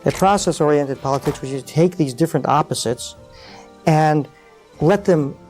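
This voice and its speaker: Middle-aged male guest, mellow, slightly high voice, reflective and filler-heavy, soft music behind. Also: normal speed. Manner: thoughtful, many uh fillers, animated explaining. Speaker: interview guest, psychologist. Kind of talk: reflective interview conversation.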